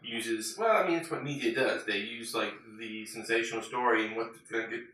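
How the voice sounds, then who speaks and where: A man's voice: mid-range voice, brisk, background noise. A man giving opinionated, emphatic takes in a casual film discussion as one of a panel of reviewers. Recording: very echoey room, far from mic.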